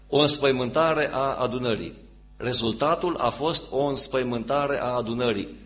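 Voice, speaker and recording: A man preaching a sermon as pastor, stressing phrases with repetition and dropping to quiet, low asides. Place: church.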